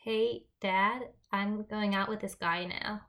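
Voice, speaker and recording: A woman playing a blunt, defiant lovestruck teenage girl in a parody table read, deadpan and sarcastic. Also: mid-range voice, takes it slowly.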